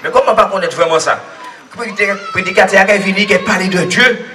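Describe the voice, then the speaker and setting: A man giving a rambling, lively faith testimony at a church gathering, laughing often as he tells his story. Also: high voice, fast talker. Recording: distant mic with crowd noise.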